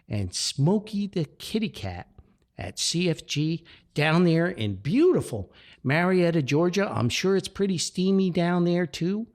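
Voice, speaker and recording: A man with a fairly high but darkish-toned voice hosts a solo podcast with sponsor reads. He's jovial and folksy, rambling cheerfully, exclaiming and chuckling often.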